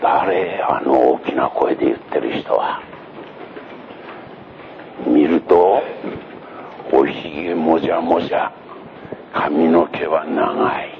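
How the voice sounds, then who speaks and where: A man telling a Bible story to children in a gentle, playful way, acting out sound effects, in a muffled lo-fi recording with background noise. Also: very deep voice, steady tone, takes it slowly, creaky, pauses often.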